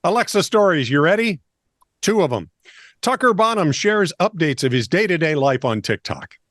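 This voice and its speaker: A male co-host with a higher-pitched voice reads stories on a comedic oddball news podcast at a normal speed. He's jokey and lively, adding wry asides. The sound is dry and studio-clean.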